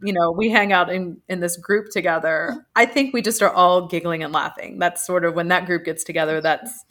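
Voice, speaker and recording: A woman in relaxed podcast conversation, her voice a bit lower than most. She is friendly and agreeable, and she thinks aloud in long, rambling sentences. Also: brisk. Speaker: romance author, podcast guest. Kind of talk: casual podcast chat.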